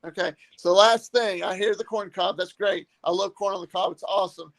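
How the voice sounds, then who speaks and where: A cocky man from Texas hands out sarcastic wrestling trash talk. His voice is high and recorded dry and close. He sounds smug and self-assured. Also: fairly even intonation, a little fast, a bit bright, dry recording, poor audio. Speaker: wrestler, guest.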